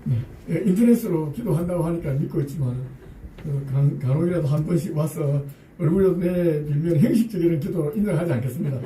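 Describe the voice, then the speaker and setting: A man's voice: fairly high pitch, quick pace, warm tone, a little hiss or hum. A male pastor preaching a sermon, acting out pleading prayers and chuckling along with the congregation. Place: church sanctuary. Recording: roomy church sound from a distance.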